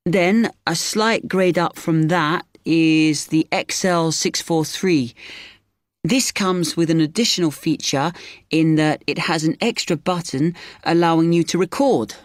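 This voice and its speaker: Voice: mid-range voice, measured pace, no echo, close to an everyday voice. Helpful electronics shop assistant, scripted role-play, voiced by an actor, explanatory delivery, very dry close sound. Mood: helpful, informative.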